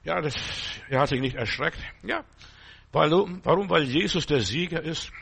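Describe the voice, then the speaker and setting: Preacher guy giving an emphatic sermon, gravelly husky voice, kinda high. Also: fairly bright tone. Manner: emphatic, repetitive preaching with scripture quotes.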